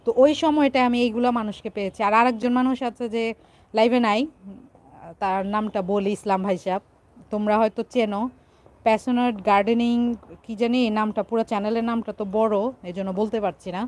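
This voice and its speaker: A woman's voice: a little high, fairly even intonation, fast talker, darkish tone. Playful woman chatting on a live stream. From Bangladesh. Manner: playful, teasing, reads out viewer comments. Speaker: vlogger hosting a live stream. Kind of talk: casual live-stream chat.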